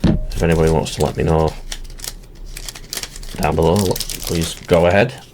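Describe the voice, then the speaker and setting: A man's voice: very deep voice, steady tone, moderate pace, a little mellow, a little hiss or hum. A man hosting his channel, chatting casually and talking himself through each step as he opens card packs at his desk. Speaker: channel host. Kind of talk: casual commentary while opening card packs.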